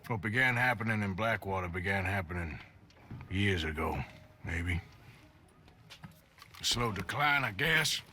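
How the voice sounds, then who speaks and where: An actor playing a plainspoken, wry American outlaw in a game, speaking in a terse, dry drawl. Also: male voice, sits low, animated, a little slow, long pauses, full character voice. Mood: sombre. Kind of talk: dramatic game character acting. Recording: loud noise around the voice.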